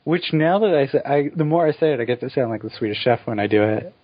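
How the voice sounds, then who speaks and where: Speaking fast and animated in a medium-pitched voice, this podcast co-host leads the segments of a casual chat show, talking topics through thoughtfully. The recording is dull, lo-fi podcast audio.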